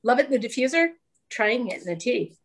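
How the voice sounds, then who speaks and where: A woman hosts an online cooking event in an upbeat, encouraging way, introducing each cook. Her voice is slightly breathy and sits a little high. She speaks through a webcam on a video call. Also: big pitch swings, fairly quick. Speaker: host. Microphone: laptop webcam, video call.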